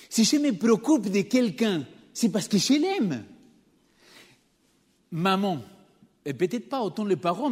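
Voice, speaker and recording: Rhetorical questions keep the congregation engaged as this man preaches his sermon in a church with long, echoing reverb. His voice sits high and sounds darkish and slightly rough, shaped by a noticeable non-native French accent.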